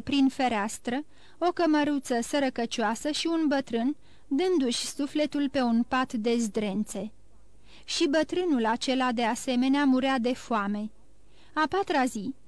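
A woman narrating an audiobook in an even, measured reading. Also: sits high, dry recording. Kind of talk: scripted narration.

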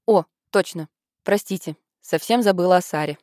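A woman's voice: lowish voice, a little mellow, no room sound, clean studio sound, natural voice. A woman voicing a bossy, decisive teenage girl who writes plays, in an audiobook. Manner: brisk, decisive. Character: teenage girl Harriet, bossy aspiring playwright.

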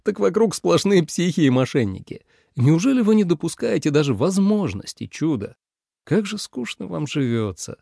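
A man's voice: mid-range voice, big pitch swings, normal speed, gravelly, warm tone, no room sound, studio quality. A man voicing a proud, defiant young nobleman who speaks curtly and mockingly in a storybook reading. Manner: curt, mocking.

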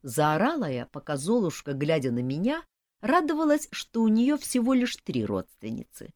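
A woman reading a humorous fantasy story aloud, with ironic, expressive storytelling. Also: on the low side, normal speed, dry recording, clean studio sound. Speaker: audiobook narrator.

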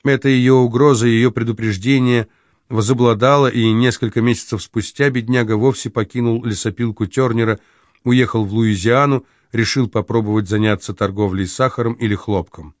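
A man reading a novel aloud in a measured, expressive narration. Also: mid-range voice, no room sound, studio quality. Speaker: audiobook narrator. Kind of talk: scripted narration.

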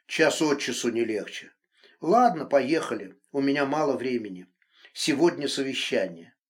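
A man's voice: animated, moderate pace, natural voice. A man voicing a furious, controlling middle-aged married man in an audiobook, hurling accusations and hissing threats. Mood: curt. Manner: shouting accusations, then hissing low threats. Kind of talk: audiobook reading.

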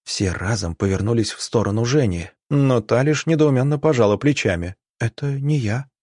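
A man narrating an audiobook in a tense, measured storytelling manner. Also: mid-range voice, lively intonation, a little mellow, no echo, studio quality.

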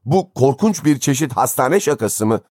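A man's voice: on the low side, very animated, fairly quick, warm tone, no room sound, studio quality. A man voicing a shaken, outraged new father who keeps exclaiming in agitation. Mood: agitated.

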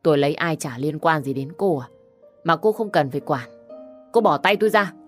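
A woman's voice: low voice, animated, brisk, faint music behind. A woman voicing a pregnant young wife who pleads and defends herself in an audio story. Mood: pleading.

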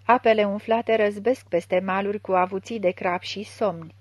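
A woman narrates a literary audiobook in a measured, expressive way. Her voice sits in a middle pitch. The recording is dry and close, with no room sound. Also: no room sound. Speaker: audiobook reader.

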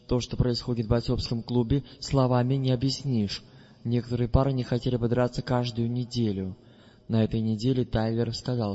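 Reading an audiobook in the first person, this man uses a deliberate, measured delivery with a mid-pitched voice and dark tone. Each phrase is followed by a long reverb in the muffled, dull, lo-fi sound.

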